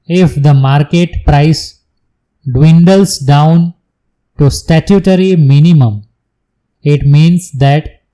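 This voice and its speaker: A man reading slow school dictation for shorthand practice, in short, separated, measured phrases. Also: fairly high pitch, warm tone, low-quality recording. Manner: measured delivery in short separated phrases, announcing paragraph breaks.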